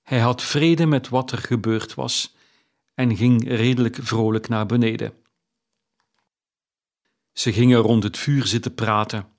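Man reading a story aloud, slow and calm, mid voice. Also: mid-range voice. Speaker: narrator. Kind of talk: audiobook reading of a classic story.

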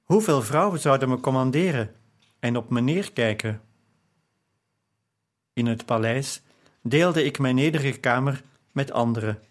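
A man narrating an audiobook in a steady, measured first-person delivery. His voice sits at an ordinary middle pitch for a man, unhurried and even.

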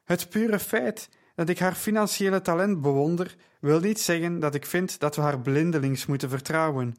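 A man's voice: fairly high pitch, normal speed, close to an everyday voice. A man voicing a protective young daughter, urgent and indignant, in an audiobook. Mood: earnest.

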